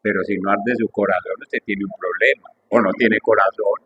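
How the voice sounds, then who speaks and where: Predicador de voz ronca y apasionada. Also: male voice, fairly even intonation, normal speed, husky, dull audio. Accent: Colombian Spanish. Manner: impassioned, shifts between soft asides and high fervent peaks. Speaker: preacher. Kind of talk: sermon.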